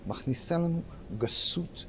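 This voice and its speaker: An older man with a fairly high voice lectures a workshop group in an animated way, his voice jumping into loud, sharp bursts when he acts out arguments. The recording is slightly muffled, with a faint hiss of noise behind him. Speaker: workshop leader.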